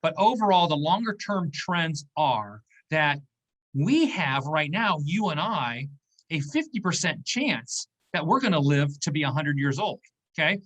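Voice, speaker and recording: Here the same kind of speaker, a man in his fifties who owns a business, is interviewed as a guest. His pitch is fairly high and his delivery very animated yet a little slow, with a bit of brightness, on a low-quality recording. He keeps tossing in "okay?" and "right?" as he explains things casually.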